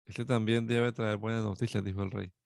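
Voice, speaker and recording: Man, gravelly voice, Bible reading, measured and plain, dry booth. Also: on the low side, no room sound. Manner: steady reading with occasional self-corrections. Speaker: scripture reader.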